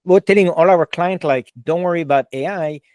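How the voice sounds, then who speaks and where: A man's voice: on the high side, brisk, a little mellow, dry recording. A man with a French accent hosting a podcast interview, chatty and enthusiastic, full of "like" and "you know". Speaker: podcast host. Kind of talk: casual interview chat.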